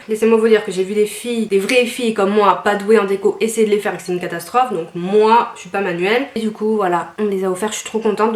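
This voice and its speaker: Young woman, rapid chatty haul talk, enthusiastic, roomy echoey sound. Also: mid-range voice. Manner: chatty, enthusiastic, rambling with fillers. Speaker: fashion and lifestyle YouTuber. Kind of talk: casual shopping haul vlog.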